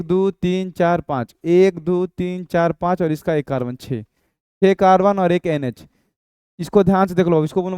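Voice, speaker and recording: A man's exam-prep chemistry lecture is coaxing and repetitive, full of questions he answers himself. He has a mellow, smooth, somewhat high voice that sounds close and dry, free of room sound.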